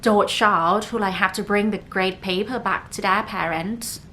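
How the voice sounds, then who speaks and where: This chatty podcast host is a woman in her thirties from northern Thailand, a native Thai speaker hosting a casual solo show in English with a Thai accent. Her mid-range voice is pushed and bright at a measured pace, full of fillers, especially "like," with slight background noise.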